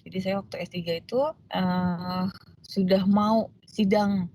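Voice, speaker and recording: A woman lecturer telling a personal story to her class in a lively way, acting out the voices of the people in it, with many fillers. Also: mid-range voice, measured pace, a little hiss or hum, rough recording. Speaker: law lecturer.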